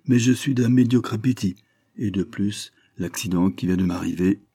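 A man voicing a boastful, witty male French army captain who answers with quick, proud retorts, in a husky voice. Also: fairly low pitch, warm tone, no echo, clean studio sound.

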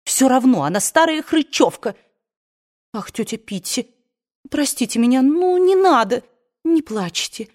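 A woman's voice: high voice, lively intonation, a little slow, a little mellow, pitched above the performer's own voice. A woman voicing a wilful young widow who pleads and sobs, in an audiobook. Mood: petulant. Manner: pleading, sobbing, petulant.

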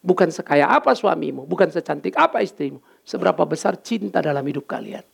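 A male pastor delivers a lively church sermon, bantering with the congregation and tossing in English phrases. His voice sits high and swings widely in pitch. A strong gravelly fry runs through his speech. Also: fast. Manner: animated, banters with congregation, mixes in English words.

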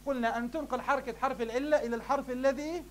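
A man's voice: very high-pitched, fairly even intonation, racing. A man, teaching morphology in a classroom lecture, asking questions and answering them himself. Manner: addresses the class warmly as "beloved ones". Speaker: sheikh teaching Arabic morphology.

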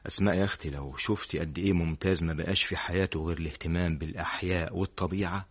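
An actor with an Egyptian accent playing a self-assured, earnest young student who talks emphatically, in a classic radio drama. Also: male voice, low voice, fairly even intonation, rapid-fire, slightly rough. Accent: Egyptian Arabic. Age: young adult. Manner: emphatic, repeated denials. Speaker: student friend.

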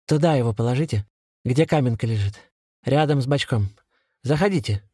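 A man's voice: mid-range voice, fairly quick, warm tone, no room sound, clean studio sound, pitched above the performer's own voice, natural voice. A man doing a cunning old village grandfather. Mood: sly gloating.

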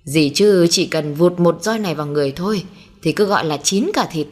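A woman's voice: fairly low pitch, fairly quick, a little mellow. Brief: woman storyteller, evenly paced dramatic reading. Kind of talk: storybook narration.

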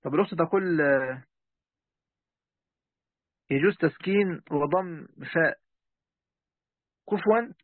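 Egyptian male sheikh, high-voiced and quick, chatty online lesson, phone-thin sound. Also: dry recording, narrow, tinny audio. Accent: Egyptian Arabic. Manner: chatty, talks straight to his students, breaks off mid-word. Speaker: sheikh teaching a class. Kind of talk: online lesson, reading a text aloud and explaining it.

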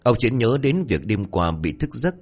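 A man narrating a horror story in a dramatic, animated storytelling manner. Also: medium pitch, normal speed. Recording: faint background music.

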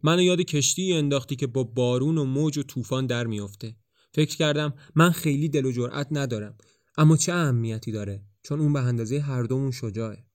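A man's voice: mid-range voice, darkish tone, no echo, studio quality, lightly acted. A man voicing a frightened young man turned passionate. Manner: urgent, pleading, rising to passionate. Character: anxious young man, scared then bold.

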